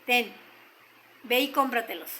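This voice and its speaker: A woman's voice: on the high side, unhurried, bright, forceful tone, a little hiss or hum. A woman voicing a stern, reserved father who speaks seriously and gives orders. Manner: serious, commanding.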